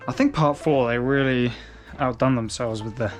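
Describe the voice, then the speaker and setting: Casting: young English man, mid-range voice, easygoing rambling chat at home, soft music behind. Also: medium pitch, moderate pace. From England. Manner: laid-back, rambling, with frequent restarts. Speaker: manga collector vlogger. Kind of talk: casual chat.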